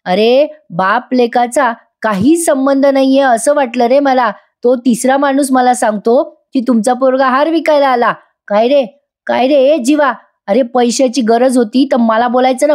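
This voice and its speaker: A woman voicing an angry, stern father who shouts and accuses his son. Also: high voice, voice pushed up.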